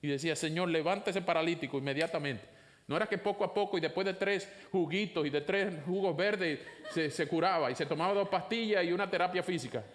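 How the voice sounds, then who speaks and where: A man preaching a sermon, putting rhetorical questions to the congregation, his voice climbing high for emphasis and then dropping low and slow. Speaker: pastor.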